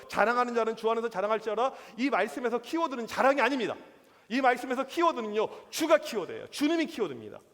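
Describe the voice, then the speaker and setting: A man preaching as a youth pastor, emphatic and animated, in a church hall. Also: very high-pitched. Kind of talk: sermon.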